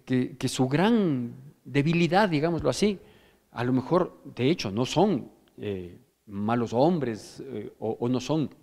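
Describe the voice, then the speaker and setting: A man's voice: a little high, a little mellow, in a large hall. A male pastor with an Ecuadorian Spanish accent preaching a firm, exhorting sermon, often restarting and asking "¿sí?". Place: church hall.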